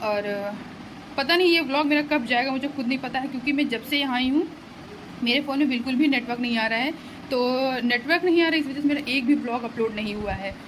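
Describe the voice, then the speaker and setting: A woman's voice: sits high, fast talker. A young woman chatting casually to viewers in a home vlog while getting ready and packing. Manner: chatty, pleading and laughing with family. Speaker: vlogger. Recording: phone recording with noisy background.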